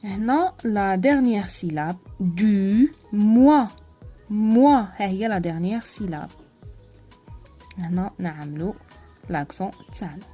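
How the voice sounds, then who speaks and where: A woman teaches French phonetics. She slows right down for each French example and moves quickly through her explanations. Faint music plays under her voice. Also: medium pitch, dark tone. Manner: explains in dialect, slow careful French examples. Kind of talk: phonetics lesson at a board.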